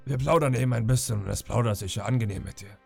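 A cunning old pirate captain talks a captive round with oily friendliness, as a man reading aloud puts him on. The gravelly rasp stays through every coaxing line. His warmth never quite hides the menace. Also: mid-range voice, fast talker, soft background music, close to an everyday voice. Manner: wheedling, falsely friendly with sudden threats. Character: sly smooth-talking old male pirate captain.

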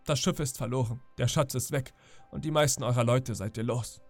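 A man's voice: medium pitch, a little fast, a little mellow, faint music behind, natural voice. A man reading an audiobook, voicing a young ship's boy who stands up to pirates. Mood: defiant. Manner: trembling then bold and heated. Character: frightened but defiant young ship's boy.

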